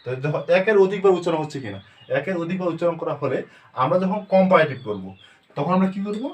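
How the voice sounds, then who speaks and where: A Bangladeshi man teaching English grammar, asking questions and answering them himself, sounding words out slowly. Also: high voice, expressive. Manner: asks and answers his own questions, slow word-by-word drilling. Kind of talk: spoken grammar lesson with questions to students.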